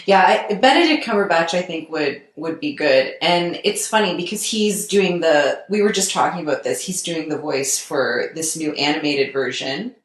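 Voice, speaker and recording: A woman with a lowish voice hosts a casual podcast chat, speaking her mind frankly and easily. The sound carries a roomy echo. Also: lively intonation, moderate pace, hardly any pauses. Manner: conversational, frank opinions. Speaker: podcast host.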